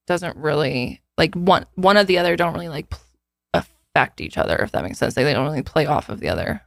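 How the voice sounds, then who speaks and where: A woman's voice: deep voice, lively intonation, brisk, vocal fry, no room sound. Chatty woman in her twenties. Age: 20s. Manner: chatty, fills with "like" often. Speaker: podcast co-host. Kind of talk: casual podcast chat.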